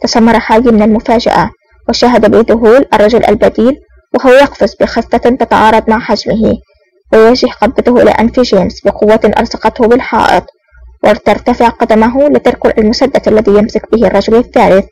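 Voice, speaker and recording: Fast, crisp woman narrating a spy story. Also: fairly high pitch, no room sound, rough recording. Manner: brisk, even reading with occasional slips and restarts. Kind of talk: audiobook narration of a spy novel.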